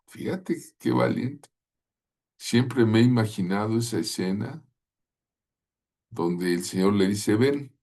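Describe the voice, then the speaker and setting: A man's voice: lowish voice, takes it slowly, creaky, pauses often, warm tone. A man teaching a Bible lesson in sermon style, retelling the stories vividly and often asking his listeners rhetorical questions.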